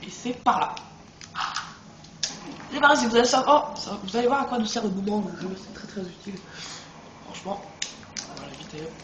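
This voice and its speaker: A high-voiced young man giving chatty, excitable commentary while he plays a video game, talking straight to his viewers. The voice rings in a roomy space, with steady noise underneath. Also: a little fast, long pauses. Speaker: let's play host. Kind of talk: gameplay commentary.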